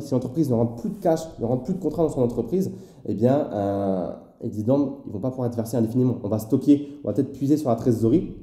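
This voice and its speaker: A man talks fast and informally, as if chatting with a friend, with frequent filler words. His voice is dark and mellow. The sound carries a noticeable room echo. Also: mid-range voice. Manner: chatty, addresses viewer informally, many fillers. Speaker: finance YouTuber. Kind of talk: casual explanatory video.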